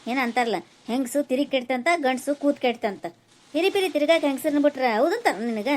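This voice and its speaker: This is a woman voicing a scolding cartoon mother from a village, sarcastic and always complaining about her son's choices. She speaks, in a high, piercing pitch. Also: fairly quick, natural voice. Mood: angry. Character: nagging middle-aged village mother, sharp-tongued. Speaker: voice actor. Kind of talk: cartoon voice acting.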